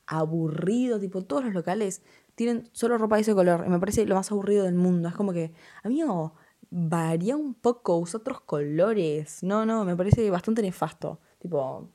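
Speaking at normal speed in a mellow, mid-range voice, an Argentine teenage girl gives her frank, dismissive verdicts on fashion. It's a casual vlog, and she keeps saying "no."

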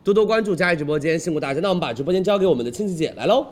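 A male livestream host delivers a hard-sell shopping pitch. His voice sits fairly high and swings animatedly at a rapid pace. He keeps urging viewers along and tacking on short check-in questions. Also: lively intonation.

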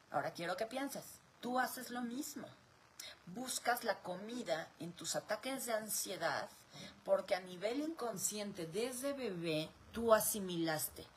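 Woman, Mexican accent, live question-and-answer talk, explanatory, rhetorical questions, medium pitch. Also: slight background noise. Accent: Mexican Spanish. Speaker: speaker answering viewer questions.

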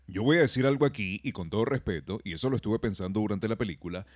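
A man's voice: lowish voice, quick pace, dry recording, studio quality. A man with a Venezuelan Spanish accent, co-hosting a casual film-review podcast, joking and slipping into mock voices. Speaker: podcast co-host.

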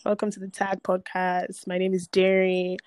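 A woman's voice: mid-range voice, monotone, moderate pace, darkish tone, no room sound. A woman in her twenties co-hosting a podcast, chatting casually with playful, teasing banter. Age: 20s. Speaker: podcast co-host. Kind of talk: casual chat.

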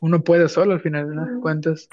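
A man's voice: fairly high pitch, level tone, fairly quick. A young man with a Mexican accent co-hosting a podcast, chatting casually in slang, rambling with lots of fillers. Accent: Mexican Spanish. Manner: slangy, rambling, fills with "güey" and "o sea". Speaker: podcast co-host. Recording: dry, dull lo-fi sound.

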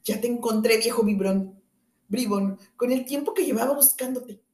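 A woman's voice: moderate pace, a little mellow, roomy sound, natural voice. A woman voicing a bold grown male hunter in a storybook tale, dropping her voice into a blunt tone. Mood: triumphant. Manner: lower and blunt.

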